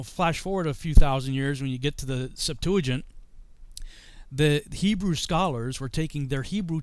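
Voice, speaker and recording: This guest, a middle-aged man and native English speaker, explains scripture from his home study over a video call in a medium-pitched voice with no room sound. He meanders as he talks, with many fillers and restarts.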